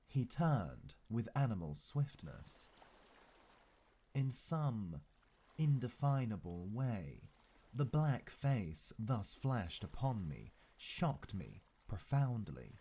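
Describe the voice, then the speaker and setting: A man narrates a classic novel in a low, unhurried voice. He takes the text phrase by phrase with frequent pauses, and his pitch moves freely as the story unfolds. There is faint noise beneath the reading. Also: darkish tone, breathy edge. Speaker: audiobook narrator.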